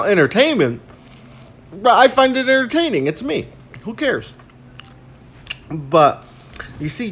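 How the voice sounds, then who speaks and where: A man's voice: a little high, fairly bright tone. A man ranting crudely and rambling with lots of fillers in a casual livestream, talking into a phone while eating. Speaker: vlogger.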